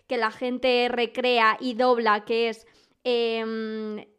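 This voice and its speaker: A young woman with a Spanish accent chatting as a podcast host, animated and gossipy, acting out quotes as she goes. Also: fairly high pitch, extremely slow, clear, resonant tone. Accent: Spain Spanish. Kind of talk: casual chat.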